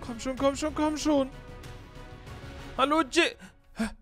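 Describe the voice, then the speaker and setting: A young man narrating a game role-play to his viewers with excitable, surprised exclamations. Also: extremely high pitch, slow, soft background music. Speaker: YouTuber playing through a Minecraft role-play.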